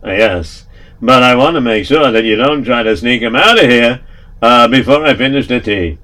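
Calm clever old rabbi, slow and careful, yiddish words mixed in, a man voices him. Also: medium pitch, natural voice. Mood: cautious. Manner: gentle, deliberate, sprinkles Yiddish words. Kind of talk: storytelling with put-on voices.

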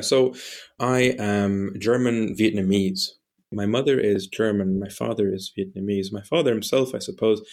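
Man in his late twenties from Ireland, gravelly low voice. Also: darkish tone. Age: 20s. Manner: measured, articulate, with small restarts. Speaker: interview guest. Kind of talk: earnest interview answers.

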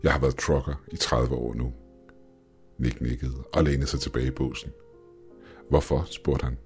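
A man reading a first-person story aloud in a measured, brooding way. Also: rumbling low, steady tone, soft background music. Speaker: narrator.

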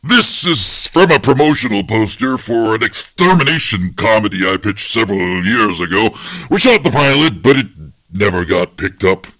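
A man doing a vain, boastful alien warlord with a low voice who talks about slaughter as if it were a holiday snap. The delivery is deadpan and casually brutal, and the sound is dry and close. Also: moderate pace, no room sound, full character voice. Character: boastful male alien warlord showing off photos.

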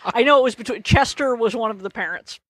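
A man's voice: very high-pitched, fast talker, a bit bright, no echo. A man co-hosting a podcast, telling anecdotes in a wry, playful, conversational way. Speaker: podcast co-host. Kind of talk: casual chat and anecdotes.

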